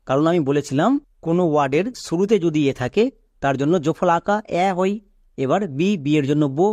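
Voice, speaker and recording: A man walks through English pronunciation rules, raising his own questions and then answering them. His voice sits a little high for a man. The recording is dry and close, with no room sound. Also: a little mellow, no echo. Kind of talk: step-by-step spoken lesson.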